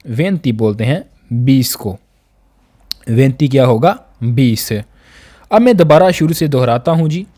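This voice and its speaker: Male teacher, slightly high voice, slow deliberate drilling, patient. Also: a little mellow. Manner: patient, drills each word slowly twice. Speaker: language teacher. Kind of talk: slow classroom lesson, repeating words.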